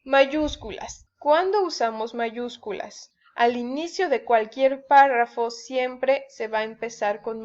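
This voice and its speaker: A woman's voice: on the high side, darkish tone. A woman giving a spelling and grammar lesson, explaining each rule through casual everyday example sentences. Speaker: teacher. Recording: dull lo-fi recording.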